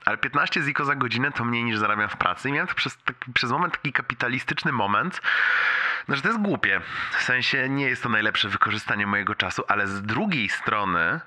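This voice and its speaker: A man's voice: mid-range voice, lively intonation, fairly quick, bright, forceful tone. A man in his late twenties leaving a casual, rambling, chatty voice message for a friend, self-ironic and given to chuckling, with slang and bits of English. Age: late 20s.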